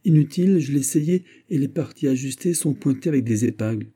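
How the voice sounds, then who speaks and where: A man with a husky voice voicing a frightened seventeen-year-old peasant girl who pleads with tension in her voice. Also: on the low side, normal speed, warm tone. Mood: guarded. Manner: pleading, tense, shaken.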